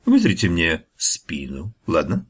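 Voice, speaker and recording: A man's voice: low voice, huge pitch swings, a little slow, breathy edge, full character voice. A man reading the lines of a vain, menacing old film star with a youthful body in a storybook recording, his voice mocking and taunting. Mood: smug. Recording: faint music behind the voice.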